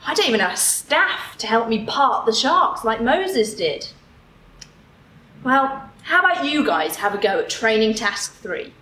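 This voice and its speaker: A woman's voice: a little high, sing-song, measured pace, sharp tone. A woman presenting a children's holiday club, upbeat and enthusiastic. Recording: roomy, from a distance, music behind.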